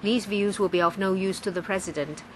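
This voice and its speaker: A woman giving live interpretation of a legislative debate, halting, with frequent pauses and restarts. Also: medium pitch, slight background noise, rough recording. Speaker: simultaneous interpreter.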